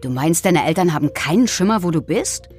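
A woman's voice: fairly low pitch, animated, brisk, a little mellow, soft background music, natural voice. A woman voicing an earnest young man. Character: worried, serious young man with a car.

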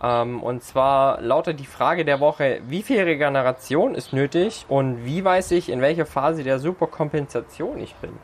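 A man's voice: medium pitch, moderate pace, few pauses. A man hosting a sports podcast in casual chat, hesitant with many fillers. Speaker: podcast host.

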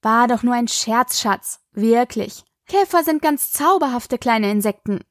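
A woman reading an audiobook, voicing a calm, dryly joking mother. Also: on the high side, a little slow, dry recording, clean studio sound. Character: wry, patient mother driving her daughters.

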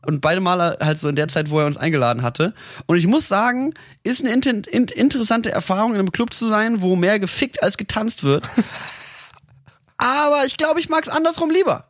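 High-voiced man chatting animatedly. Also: brisk, no room sound, clean studio sound. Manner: animated, rambling storytelling with frequent laughs. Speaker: podcast co-host. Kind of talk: casual chat.

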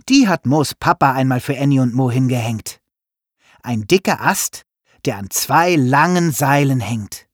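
A man narrating a children's story in an expressive, storytelling manner. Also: medium pitch, husky, dry recording, clean studio sound.

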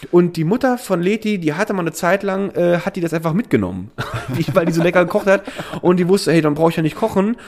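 A man's voice: high-pitched, lively intonation, fairly quick. A man from Germany co-hosting a casual podcast chat, rambling with many restarts and frequent laughs. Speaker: podcast co-host.

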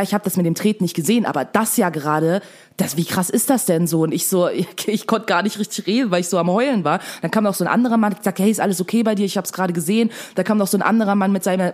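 A woman's voice: on the low side, darkish tone. A young woman telling a story to camera in casual, chatty speech full of fillers, still shaken.

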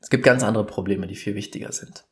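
A man speaks an earnest, emphatic monologue straight to camera. He leans on pauses to let points land and now and then breaks into exasperated outbursts. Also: lowish voice. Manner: earnest and emphatic, pausing for weight, bursts of exasperation. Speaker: vlogger.

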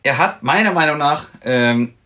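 A man's voice: fairly high pitch, lively intonation, moderate pace, bright, forceful tone. Playful man in his thirties, jokey, casual banter. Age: 30s. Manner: teasing, joking. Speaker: podcast co-host. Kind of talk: casual chat.

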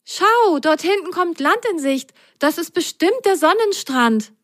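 An excited, kind little sock from a children's story, speaking high and bright, as a woman puts the voice on. The sock sounds polite and warm-hearted. The sound is dry and close. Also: a little slow, no room sound. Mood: excited cheerful. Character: cheerful little sock, one of a pair.

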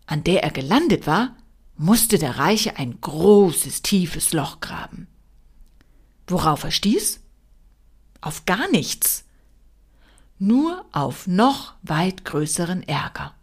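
A woman reading a folk tale aloud as a storyteller, expressive with dramatic pauses. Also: fairly low pitch, husky.

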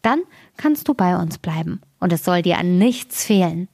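A woman's voice: on the low side, lively intonation, normal speed, vocal fry, darkish tone, slightly rough, no echo, clean studio sound, heavily acted. A woman voicing a group of kindly little male dwarfs in a storybook tale, speaking in a friendly, caring way.

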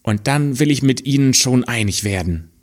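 A man's voice: mid-range voice, animated, normal speed, voice pushed up, natural voice. A man voicing the youngest brother in a spoken fairy tale, kind and reassuring.

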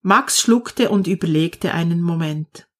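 A woman reading a storybook aloud in a calm, measured storytelling manner. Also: lowish voice. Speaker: narrator.

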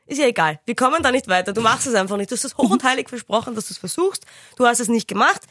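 Lower austrian woman on a podcast, slightly nasal and a bit rough, deadpan teasing, highish voice. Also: racing, no room sound, studio quality. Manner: deadpan, mock-stern teasing. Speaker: podcast co-host. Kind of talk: casual chat.

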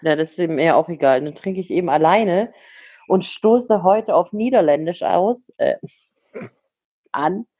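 A woman's voice: on the low side, unhurried, breathy edge, no room sound, muffled recording. A woman co-hosting a podcast over a video call, chatty and giggly, teasing her co-host.

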